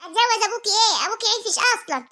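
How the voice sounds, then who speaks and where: Woman putting on a shrill bossy old village woman. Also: lively intonation, fast talker, bright, forceful tone, heavily acted. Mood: bossy, giggly. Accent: rural Egyptian Arabic. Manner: scolding, giggling between words.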